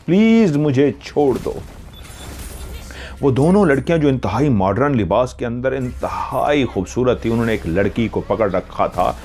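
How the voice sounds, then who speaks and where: A man narrating a spoken horror story in the first person, slowly and with suspenseful, drawn-out pauses. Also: lowish voice, a little mellow, slight background noise.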